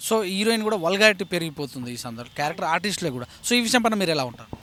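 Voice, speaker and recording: A man's voice: sits high, big pitch swings, a bit bright. A man asking an actress a string of interview questions. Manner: rapid-fire questioning.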